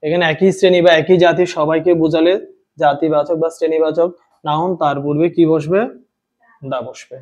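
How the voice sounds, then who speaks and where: A man teaching an English grammar lesson to a class, quizzing students and reading example sentences slowly. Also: on the high side, flat delivery, darkish tone. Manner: drills students with questions and answers, reads example sentences slowly.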